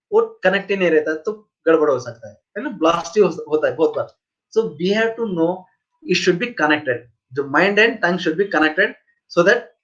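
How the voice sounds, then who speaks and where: A man with an Indian English accent giving a webinar lecture as a trainer, mixing Hindi and English and asking rhetorical questions. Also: sits high. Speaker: lean manufacturing trainer. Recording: dull lo-fi webinar audio.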